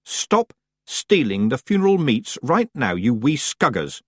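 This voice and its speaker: A man's voice: medium pitch, wildly swooping pitch, a little slow, dry recording, voice pushed up. A fierce young witch girl snaps her demands in short, clipped phrases with a light edge, as a man reads her. The sound is close and dry. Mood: angry. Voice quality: clipped, stern. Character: furious young witch girl, sharp and commanding.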